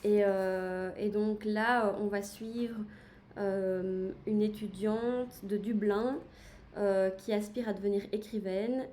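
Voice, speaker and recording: A woman's voice: mid-range voice, fairly even intonation, slow pace, warm tone, slight background noise. A woman chatting in a casual book-review livestream, enthusiastic and full of hesitations as she recommends books. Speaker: book streamer.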